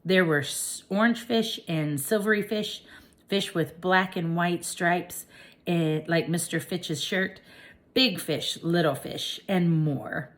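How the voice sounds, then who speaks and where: Slow low-voiced woman reading a children's book. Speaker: audiobook narrator. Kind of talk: children's audiobook narration.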